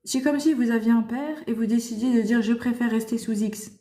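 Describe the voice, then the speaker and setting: A woman's voice: a little high, a little fast, dark tone, roomy sound. A woman preaching fervently on a live stream, scolding her listeners and firing rhetorical questions at them. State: tearful. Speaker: livestream host. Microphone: phone.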